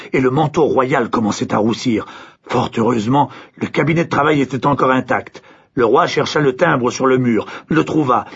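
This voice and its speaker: Husky male storybook narrator. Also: medium pitch, highs cut off.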